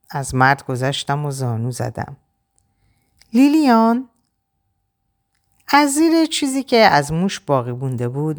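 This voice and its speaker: Woman reading an audiobook, low voice but really lively, dramatic delivery. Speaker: audiobook narrator. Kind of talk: audiobook narration.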